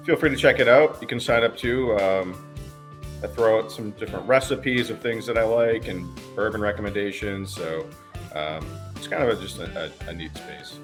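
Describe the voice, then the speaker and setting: A man as a podcast guest, talking casually and joking about himself. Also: lowish voice. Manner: laid-back, joking, casual swearing. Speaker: guest, pharmacist and business consultant. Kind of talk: casual interview chat.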